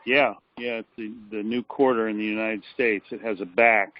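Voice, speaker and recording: A tired man on a phone call, reporting on a meeting in a flat, hesitant way with many fillers. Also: fairly low pitch, moderate pace, no echo. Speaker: caller giving a meeting report. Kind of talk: casual chat. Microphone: telephone. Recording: dull phone line.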